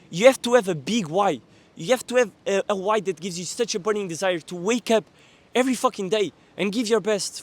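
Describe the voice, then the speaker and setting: Man in his 20s with a high-ish, dry voice; fierce, earnest motivational vlogger who swears casually. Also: dry recording. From Portugal. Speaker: young entrepreneur, vlogger. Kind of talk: motivational monologue to camera.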